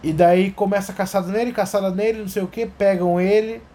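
A man tells a story in a loose, comedic way, swearing freely and jumping into the characters' lines. His voice sits high for a man. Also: quick pace, slight background noise. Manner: animated, profane, acts out scenes. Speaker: podcast talker.

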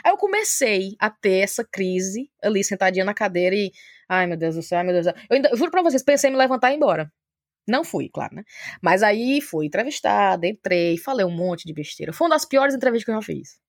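A woman's voice: mid-range voice, fast, vocal fry, no room sound, clean studio sound. Chatty woman with a Cearense accent. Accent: Cearense Brazilian Portuguese. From Ceará, Brazil. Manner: talkative, lively anecdotes acting out quoted dialogue. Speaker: podcast guest, journalist. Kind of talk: casual storytelling chat.

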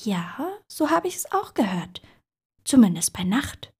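A woman's voice: a little high, expressive, measured pace, mellow, husky, pitched above the performer's own voice, exaggerated voice. A woman voicing a very polite, timid male hare in a storybook reading, in whispered role-play with an overly courteous manner.

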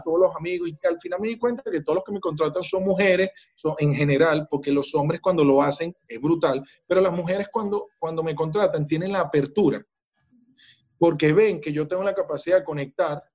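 A man's voice: a little high, darkish tone, muffled recording. A man with a Venezuelan accent, a business coach speaking in a podcast interview, emphatic and talking straight to the listener.

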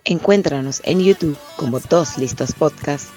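A sultry, disembodied female voice, given by a synthetic woman's voice, glides through smooth announcer-style lines. Music plays clearly behind her. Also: deep voice, measured pace.

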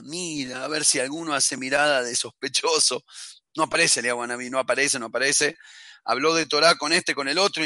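Argentine male rabbi, storytelling talk, bright forceful tone, slightly high. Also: no room sound. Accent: Argentine Spanish. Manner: animated, colloquial, emotional.

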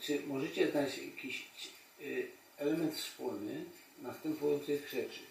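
Man, podcast co-host, animated, quizzing, echoey room, distant mic. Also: mid-range voice, a little slow, vocal fry, a little hiss or hum. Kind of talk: casual chat.

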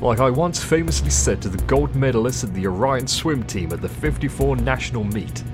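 A man's voice: medium pitch, lively intonation, brisk, music in the background, natural voice. A man playing a pompous, dim, cheerful space adventurer in a comic sci-fi audio drama, declaiming grandly and obliviously. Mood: grand, cocky.

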